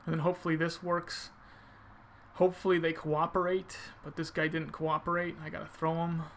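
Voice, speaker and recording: A man's voice: fairly high pitch, little pitch movement, moderate pace, a bit bright, slight background noise. A man giving casual video game commentary, thinking aloud informally as he explains his technique.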